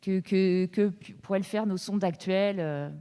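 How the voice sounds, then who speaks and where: A woman's voice: mid-range voice, normal speed, dark tone, smooth, big-room sound. A woman in the audience asking a question hesitantly, searching for her words. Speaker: audience member.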